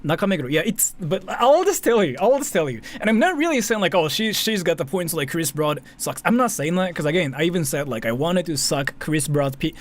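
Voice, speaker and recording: Fairly quick and with few pauses, this Japanese man's expressive, higher-pitched voice carries his casual live commentary. The streamer rambles, says things again, interrupts himself and swears offhandedly; faint background noise can be heard.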